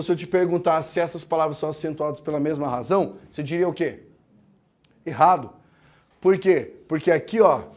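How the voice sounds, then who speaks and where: A man teaching a grammar lesson, explaining step by step, asking the class questions, and slowing down to break words into syllables. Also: on the high side, a little mellow. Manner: slows down to spell out words syllable by syllable. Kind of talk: classroom lecture.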